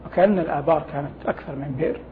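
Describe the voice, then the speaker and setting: A man speaking as a religious scholar, explaining scripture didactically in formal Arabic and reciting quotations. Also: on the high side. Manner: didactic, formal Arabic with pauses to gloss phrases. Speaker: religious scholar, programme guest. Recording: thin phone-like sound with faint noise.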